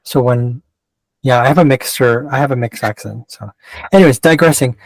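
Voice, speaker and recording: A man with a blended Canadian and West Coast American accent gives a casual astrology chart reading, rambling, digressing and often interrupting himself. His voice is medium-pitched at a moderate pace. The recording is dry and low quality.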